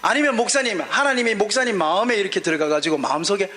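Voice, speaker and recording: A man's voice: high-pitched, quick pace, bright, forceful tone, slight background noise. A man preaching a sermon as a pastor, telling a personal story and acting out his prayers and other people's voices. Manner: storytelling with acted prayers and voices, emotional swings. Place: church hall at a conference.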